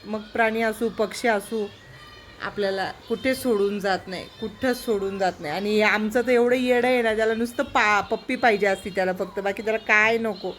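A woman's voice: medium pitch, fairly even intonation, normal speed, fairly bright tone, slight background noise. A woman talking casually in a home vlog at night, cooing baby talk at her pet parrot between remarks to viewers.

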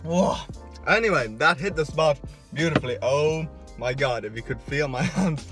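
Speaking at normal speed in a fairly high pitch, a young Irish man in his twenties tackles a food challenge for his casual vlog, exclaiming and laughing between bites. A fitness vlogger, he films himself at arm's length in a parked car and in his kitchen at home as music plays behind.

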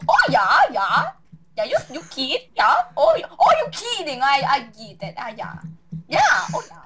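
Girl doing a sing-songy fake swedish accent, all yeah yeah, high and bouncy. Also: wildly swooping pitch, normal speed, heavy background noise, heavily acted. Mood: goofy. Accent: put-on Swedish. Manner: repetitive, sing-song agreeing. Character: goofy agreeable Swedish-accented caller.

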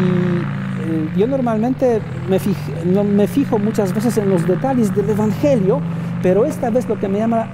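A middle-aged man, a friar, giving a chatty, plain-spoken sermon outdoors while riding a motorbike on a city street. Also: sits high. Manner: chatty, plain-spoken, with homely everyday examples. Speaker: friar preacher. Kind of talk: informal sermon on the road. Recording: open-air street with traffic noise. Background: passing cars and street traffic.

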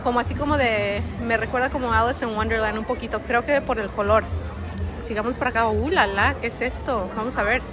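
A female vlogger with a fairly high, brisk voice films a casual walking tour of a large outdoor swap meet on her phone, talking to viewers like friends. She holds the phone camera as she walks, so the low-quality audio picks up crowd chatter and music from the market.

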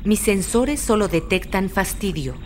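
A woman voicing a calm, officious spaceship training computer in a video game, giving measured, impersonal scripted instructions. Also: mid-range voice, faint music behind, lightly acted.

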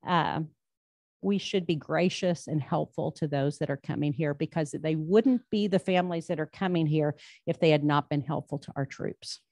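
Holding a handheld microphone, a woman with a low, somewhat mellow voice speaks to a club as state labor commissioner, then fields questions from the audience at a meeting-room podium. Her moderate pace carries a folksy, emphatic, self-deprecating manner, and the audio is studio quality without echo.

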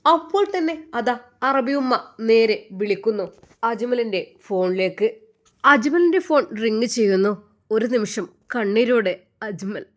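A woman's voice: a little high, animated, a little slow. A woman narrating a moral story in a dramatic, emotive storytelling manner.

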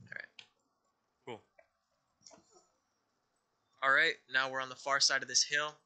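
Bright-voiced man leading a game squad. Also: mid-range voice, flat delivery, measured pace, smooth. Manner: giving directions, self-correcting. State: hiccups. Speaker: squad leader. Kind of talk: casual game chat over voice comms.

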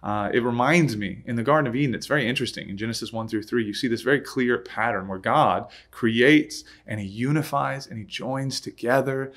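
Man, Bible study leader, relaxed and chatty, lots of "uh"s, reads scripture then unpacks it. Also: medium pitch, fairly quick, few pauses. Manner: conversational, with frequent "uh" fillers and self-corrections; reads scripture aloud, then explains it informally. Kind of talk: casual Bible study teaching.

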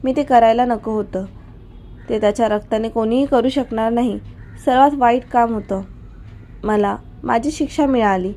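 A broken old man in a wheelchair begs forgiveness in a slow, pleading voice, as a woman reading the story puts him on. The voice sits fairly high and sounds mellow. It is part of a storybook narration. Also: natural voice. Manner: pleading, apologetic.

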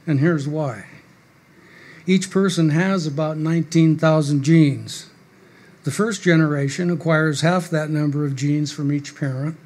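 Standing at a podium mic in a small club, an older male guest speaker reads wry, prepared lines off a page. He sounds measured and dry, with a higher-than-average voice and a somewhat dark tone.

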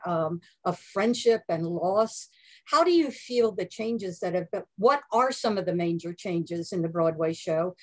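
Woman interviewer, thoughtful, measured, mid-pitched. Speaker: interviewer host. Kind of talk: interview questions.

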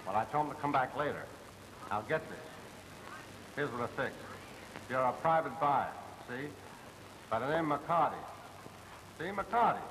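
A man's voice: mid-range voice, animated, moderate pace, pauses often, lightly acted. An actor playing a blunt, streetwise male fence who talks in tough slang. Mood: conspiratorial. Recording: hissy old film soundtrack with long reverb.

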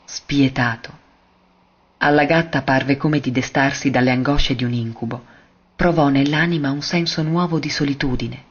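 A man reading a classic literary short story aloud in a measured, expressive way, on a dull lo-fi recording. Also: medium pitch, slightly rough. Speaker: narrator.

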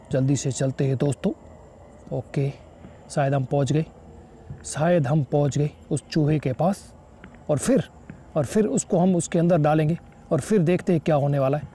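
A man commentating on a horror video game as he plays, with frequent excited exclamations. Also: fairly high pitch, normal speed, slight background noise. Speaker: gaming YouTuber. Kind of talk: let's play commentary.

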